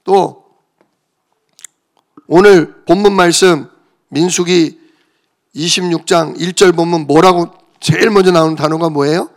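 A male preacher gives a lively sermon with a high voice and a gravelly edge. He keeps asking his listeners questions and answering them himself. He often mimics complaints to God with a raised, whiny tone. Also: measured pace, pauses often. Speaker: pastor.

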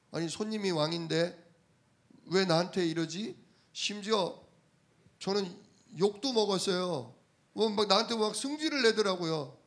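A man preaching a sermon, telling everyday stories and asking the congregation rhetorical questions. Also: sits high. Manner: conversational storytelling from daily life.

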